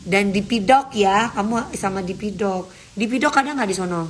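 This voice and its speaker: A woman's voice: medium pitch, normal speed. A woman hosting an Instagram live, chatting casually with her viewers and speaking firmly and emphatically. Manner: firm, emphatic, talks straight to commenters.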